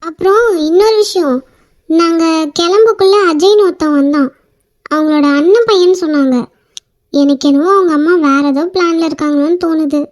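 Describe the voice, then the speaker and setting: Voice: very high voice, normal speed, dry recording, studio quality. A performer voicing a worried young woman, a pleading younger sister in a cartoon. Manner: anxious, pleading. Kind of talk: cartoon voice acting.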